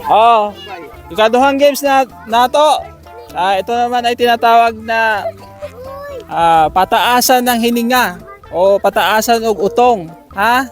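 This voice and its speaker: A man hosting games for schoolchildren outdoors, coaxing and counting down with animated energy. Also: very high voice, measured pace, faint music behind. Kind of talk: lively outdoor game hosting.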